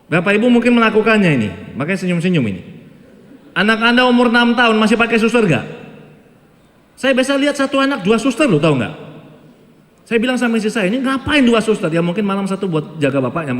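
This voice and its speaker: A man with an Indonesian accent, moderating a parenting talk with lively, joking anecdotes. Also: high voice. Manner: lively, joking, animated storytelling. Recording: hall reverb.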